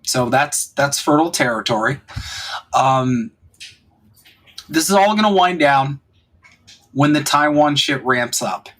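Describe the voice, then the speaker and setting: A man's voice: mid-range voice, lively intonation, a little slow, long pauses, a bit bright. A man hosting a podcast, talking politics in a casual, profane and emphatic way. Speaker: podcast host.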